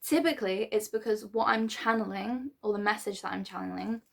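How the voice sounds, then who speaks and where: A woman giving a casual, rambling tarot reading to a star sign, with many fillers and restarts and now and then clearing her throat. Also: mid-range voice, a little fast. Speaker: tarot reader.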